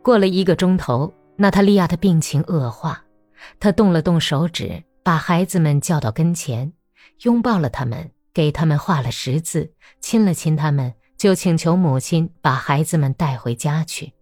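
Low-voiced woman narrating a novel. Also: normal speed, a little mellow, dry recording, clean studio sound, soft background music. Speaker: audiobook narrator. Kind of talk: scripted narration.

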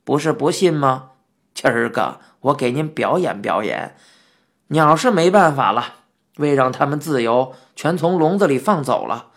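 Sly old man done by a storyteller, deep slow teasing drawl, bouncy intonation. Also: animated, a bit bright. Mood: matter-of-fact. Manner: gruff and teasing, drawn-out.

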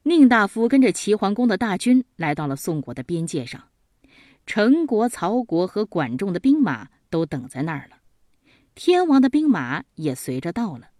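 A woman narrating a children's story in a scripted storytelling style, with a lively delivery that acts out the characters' lines. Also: mid-range voice, normal speed, no room sound, clean studio sound. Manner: lively, voices characters in dialogue.

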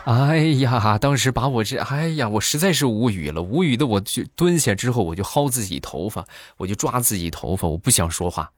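A man in his thirties telling comic stories in a chatty way, filling pauses with drawn-out fillers. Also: on the low side, animated. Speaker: comedy vlogger. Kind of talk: comic storytelling monologue.

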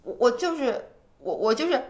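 A woman co-hosting a podcast in casual chat, animated and self-deprecating, speaking with a tinge. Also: on the high side, normal speed. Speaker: podcast co-host.

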